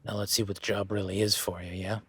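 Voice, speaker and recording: Here's a quick-talking cowboy rancher, played by a man whose lowish voice is husky and a bit breathy, with little rise or fall in pitch. He needles a new ranch hand in a teasing, easygoing first-person roleplay and talks quietly to his horse. It's recorded dry and up close, without any echo.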